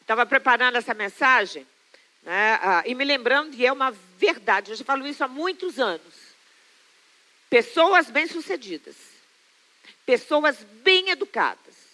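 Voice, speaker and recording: A middle-aged Brazilian woman pastor delivering a sermon with a high, bright voice. She drives her points home by repeating phrases, then drifts into homely family anecdotes. The tone stays clear and ringing. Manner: emphatic, repeats phrases for stress. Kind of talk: sermon with personal storytelling.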